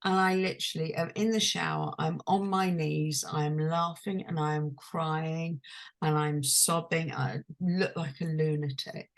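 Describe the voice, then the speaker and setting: Slow, gravelly woman coach. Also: sits low, level tone. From London. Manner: slow, hushed and intimate, dwelling on each phrase. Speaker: guest, transformational coach. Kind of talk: reflective personal storytelling.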